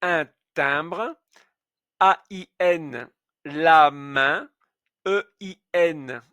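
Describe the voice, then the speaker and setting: Male teacher, slightly high voice, very slow and careful, spelling out letters and example words. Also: pushed and bright, no echo, studio quality. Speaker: French pronunciation teacher. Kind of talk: slow pronunciation lesson.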